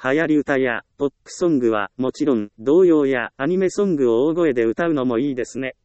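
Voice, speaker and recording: A man giving scripted self-help narration in a calm, measured reading with frequent short pauses. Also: medium pitch, smooth, no echo, muffled recording.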